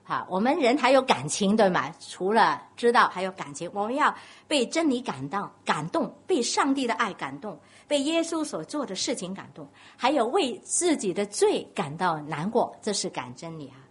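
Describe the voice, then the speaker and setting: A woman's voice: medium pitch, moderate pace, slightly rough. A woman from Guangdong with a Cantonese accent, preaching a sermon and telling stories while putting questions to the congregation. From Guangdong, China. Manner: animated storytelling, questions to the congregation.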